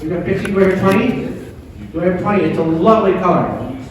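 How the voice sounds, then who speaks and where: A man's voice: high-pitched, lively intonation, fast, crowd noise. A man working as an auctioneer, informally calling and repeating bids and chatting through descriptions of the lots. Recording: echoey room, distant microphone.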